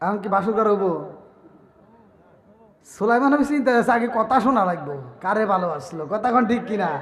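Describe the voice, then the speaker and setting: Very high-voiced preacher. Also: male voice, expressive, a little fast, fairly bright tone. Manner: folksy, teasing the audience in dialect. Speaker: Islamic preacher. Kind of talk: waz sermon with chanted storytelling.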